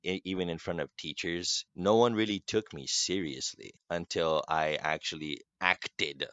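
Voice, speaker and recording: A young man with a deep, resonant morning voice, chatting as a podcast guest, animated and quick to laugh. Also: clear, resonant tone, no room sound. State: just-woken morning voice. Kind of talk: casual podcast chat. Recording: slightly dull dry recording.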